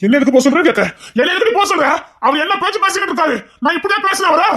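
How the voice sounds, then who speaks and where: A woman's voice: extremely high pitch, lively intonation, very fast, a bit bright. A woman voicing a hot-tempered middle-aged man, a maternal uncle who blusters, threatens and boasts about his family line in an audio family drama. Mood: threatening.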